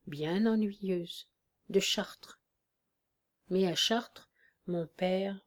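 A woman reading as a dying old army captain, hushed and calm. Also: medium pitch. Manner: weak, hushed, steady.

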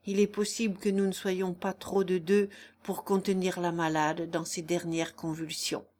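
A woman voicing a calm, grave male country doctor who speaks in a cool, matter-of-fact way. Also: on the low side, moderate pace, close to an everyday voice.

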